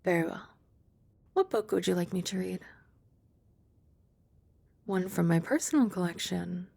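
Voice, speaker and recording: Playing a poised young maid and childhood friend, a young woman ASMR performer uses formal, courteous phrasing laced with dry, gentle teasing, speaking softly and sometimes whispering. Her fairly low voice is mellow and dark with a gravelly fry, expressive, a little slow and deliberately exaggerated, yet calm. It's recorded close and dry, with no echo or room sound whatsoever.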